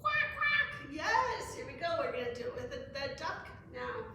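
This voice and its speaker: A woman's voice: high voice, fairly even intonation, quick pace. A woman leading a story time as a children's librarian, talking to toddlers with encouragement and simple questions. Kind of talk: interactive nursery rhyme and song session for toddlers. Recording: very echoey room, distant mic, noisy.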